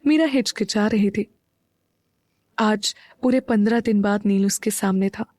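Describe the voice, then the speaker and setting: A woman narrating an audio story in a slow, even storytelling manner. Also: medium pitch, no echo, studio quality. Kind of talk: scripted narration.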